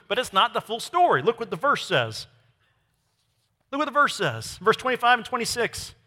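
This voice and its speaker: Male pastor, high bright voice, emphatic sermon delivery, long hall reverb. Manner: emphatic preaching, swings from loud to hushed.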